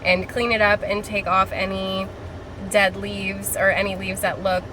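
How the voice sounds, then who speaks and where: A woman's voice: mid-range voice, level tone, a little slow. A woman hosting a casual plant-shopping vlog, talking in a chatty, informal, slangy way. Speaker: vlog host. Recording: background music, fan or vehicle hum.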